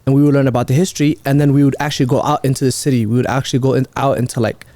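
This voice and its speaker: A man's voice: medium pitch, little pitch movement, rapid-fire, warm tone. A young man from Minnesota with an American accent, chatting casually and enthusiastically as a podcast guest, using plenty of slang. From Minnesota, United States. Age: young adult. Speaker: guest, filmmaker and actor.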